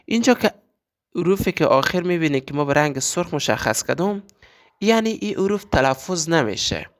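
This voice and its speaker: A man teaching a language lesson, repeating example words slowly and drawn out. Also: a little high, animated. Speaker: French teacher.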